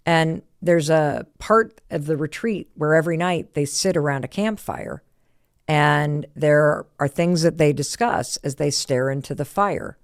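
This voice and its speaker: Female podcast host, casual and sincere delivery, gravelly texture, dead-dry recording. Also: low-pitched, no echo. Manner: earnest and heartfelt.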